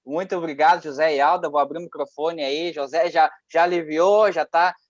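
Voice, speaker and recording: A man's voice: a little high, fairly even intonation, fairly quick, dry recording, highs cut off. A man hosting an online meeting, thanking the speaker and opening the mic in a jovial way. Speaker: meeting host. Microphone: video call.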